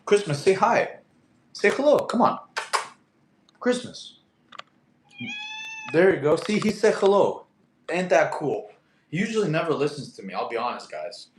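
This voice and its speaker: With a fairly high, very animated voice, this man in his thirties hosts a livestream at a measured pace with long pauses. A native Russian speaker, he reads comments, laughs often, chats casually, and talks to his cat; the echoey room carries a little hiss or hum.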